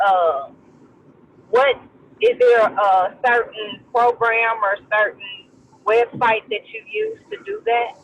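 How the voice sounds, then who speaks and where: A woman calling in on a car speakerphone while driving, asking a question hesitantly with halting fillers. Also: a little high, expressive, breathy edge. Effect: car speakerphone call while driving. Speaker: call participant asking a question. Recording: muffled call with faint car noise.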